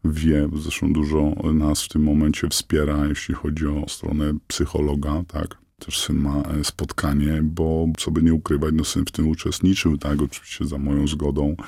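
A man with an electronically disguised voice, answering a radio interviewer haltingly with many fillers and restarts. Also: completely flat delivery, vocal fry, dark tone, no room sound, studio quality. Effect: voice disguised, pitched down. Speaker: anonymous father interviewed on radio.

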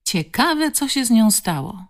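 A woman's voice: fairly low pitch, expressive, a little slow, vocal fry, full character voice. A woman reading the part of a nosy village woman who asks questions and sighs over a neighbour's misfortune. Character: curious gossiping village shopper.

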